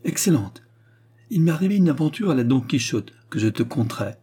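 A man's voice: mid-range voice, sing-song, warm tone, breathy edge, pitched above the performer's own voice. A male audiobook reader voicing a spirited, teasing young woman who mocks and protests. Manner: mocking, quick to protest. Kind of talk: audiobook character reading.

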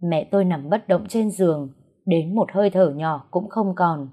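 A woman's voice: fairly low pitch, unhurried, mellow. A woman narrating an emotional first-person story, reading dialogue and pleading lines herself.

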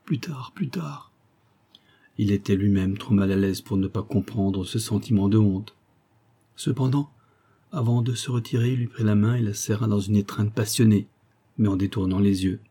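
Man, audiobook narration, low voice, mellow and husky. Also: level tone, normal speed. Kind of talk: scripted narration of a novel.

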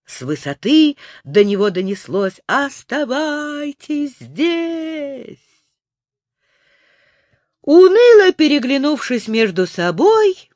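A woman narrating a children's audiobook in a slow, expressive storytelling manner. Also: fairly high pitch, no room sound, studio quality.

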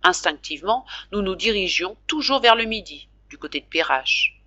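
A woman reading a classic novel aloud as an audiobook narrator, expressive, jumping high in pitch for the characters' cries. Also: normal speed, no room sound, lo-fi sound. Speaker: audiobook reader.

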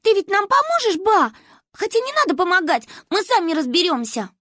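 A woman voicing an excitable, bold little girl who chatters shrilly and insistently. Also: very high-pitched, moderate pace, no room sound, studio quality, pitched above the performer's own voice. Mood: excited, pleading.

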